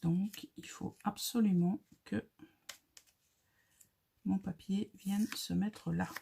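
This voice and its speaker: A woman hosts a casual crafting tutorial, with a light accent. She speaks at an unhurried, leisurely pace, chatting in a friendly way as she talks viewers through each step. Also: medium pitch, steady tone, vocal fry, warm tone, breathy edge.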